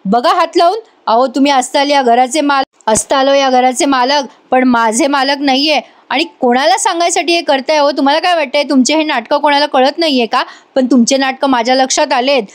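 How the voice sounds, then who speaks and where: A woman voicing a scheming, sharp-tongued young woman who taunts and accuses her family in a soap recap. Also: sits high, fairly quick, few pauses, natural voice. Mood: taunting.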